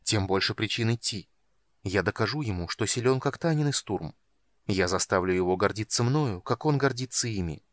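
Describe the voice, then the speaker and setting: A man's voice: fairly low pitch, animated, normal speed, dry recording, close to an everyday voice. A man reading an audiobook, voicing an impassioned young male mage who speaks in a raised, strained, defiant way. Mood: quietly resolute.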